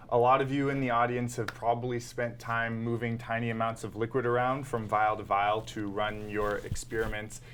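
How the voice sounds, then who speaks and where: A man appearing as a guest on a live web show, calmly explaining his company's product in an explanatory pitch. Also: slight background noise. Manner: composed, explanatory pitch delivery. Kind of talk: explaining to an interviewer.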